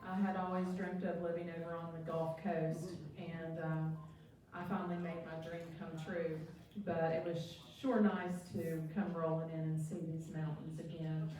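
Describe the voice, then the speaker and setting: A woman's voice: sits low, level tone, normal speed, warm tone. A middle-aged woman from West Virginia with an Appalachian accent gives an informal, folksy and self-deprecating introduction of herself. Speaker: nursing home administrator introducing herself. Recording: very echoey hall, distant mic, faint noise.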